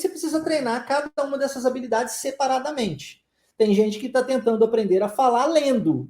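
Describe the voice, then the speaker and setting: A woman's voice: on the high side, dark tone. Chatty woman teaching English, echoey room. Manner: chatty, laughs often, checks in with "ok?" and "tá?". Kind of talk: live online language lesson.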